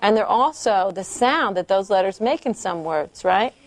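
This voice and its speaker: A woman's voice: mid-range voice, animated, moderate pace, no echo. A woman teaching a small group of children to read in a classroom, patiently asking questions and checking they follow. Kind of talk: classroom phonics lesson.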